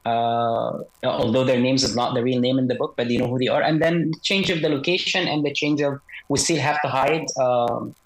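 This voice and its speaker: A man speaking through an electronic voice disguise as a guest author in a video-call interview, measured and hesitant with frequent fillers. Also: mid-range voice, steady tone, poor audio. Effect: voice electronically altered to disguise identity. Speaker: guest author, former special operations soldier.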